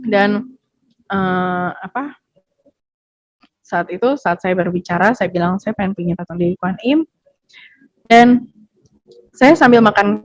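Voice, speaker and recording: Slow, halting woman telling her testimony. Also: medium pitch, no room sound. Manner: slow, halting storytelling with many fillers. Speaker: testimony guest. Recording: dull, dry sound.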